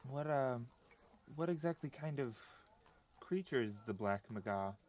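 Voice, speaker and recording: A man's voice: medium pitch, animated, measured pace, darkish tone. A man talking casually as a player in a tabletop game. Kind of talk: casual chat.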